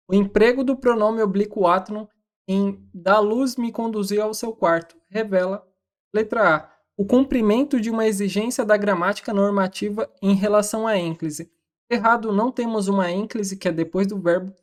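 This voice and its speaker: A woman with a Brazilian accent walking through exam questions as a Portuguese tutor, reading each question and methodically ruling out the answers. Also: medium pitch. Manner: methodical, reads questions then rules out options. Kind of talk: scripted exam-question walkthrough.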